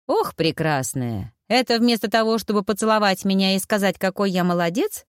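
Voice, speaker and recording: Audiobook jester: a sly, teasing man, read by a woman, slow drawl, low voice, dry close sound. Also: expressive, no echo. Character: playful male court jester, teasing and sly.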